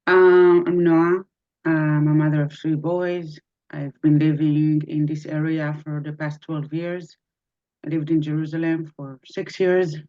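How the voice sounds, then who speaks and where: A middle-aged woman from Israel introducing herself in an online class over a video call, measured and calm. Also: low voice. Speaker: student teacher. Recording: dull lo-fi call audio.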